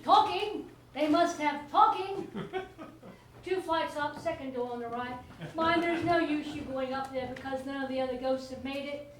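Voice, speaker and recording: A cheeky middle-aged charwoman, played on stage by an actress, chats irreverently and laughs often at a silent listener, in a high-pitched voice at normal speed that's close to everyday speech. Faint hiss and echo come through from the far-off recording.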